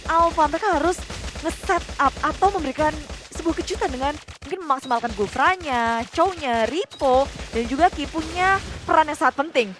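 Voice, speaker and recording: A woman's voice: high voice, animated, fairly quick. A woman commentating an esports match with dramatic play-by-play.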